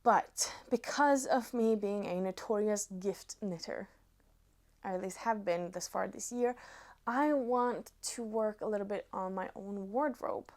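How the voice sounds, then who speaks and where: A Norwegian woman in her twenties with a Norwegian accent chats casually to camera as a knitting vlogger, pausing between short phrases. Her voice is mid-range and slightly mellow.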